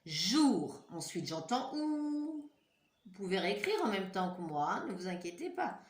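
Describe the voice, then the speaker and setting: A woman teacher slowly dictating words syllable by syllable to young children, encouraging and patient. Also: medium pitch, big pitch swings, roomy sound. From France. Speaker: primary school teacher.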